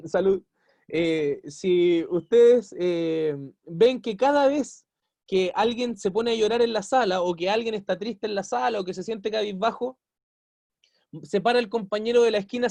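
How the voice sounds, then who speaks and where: A man's voice: high-pitched, a little slow, darkish tone, dry recording. A man giving a university lecture as a teacher, explaining at length, asking rhetorical questions and acting out quotes.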